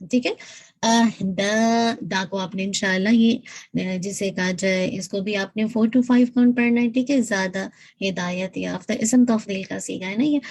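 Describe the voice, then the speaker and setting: A woman's voice: mid-range voice, darkish tone. Patient woman teaching Quran recitation. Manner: patient, step by step, often checking in with a "right?"; draws out the sounds slowly when modelling recitation. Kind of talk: instructive lesson.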